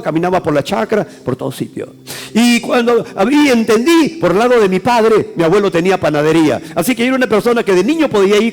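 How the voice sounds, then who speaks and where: A middle-aged pastor, preaching a sermon that swells loud and drops to hushed phrases. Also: male voice, high voice. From Peru.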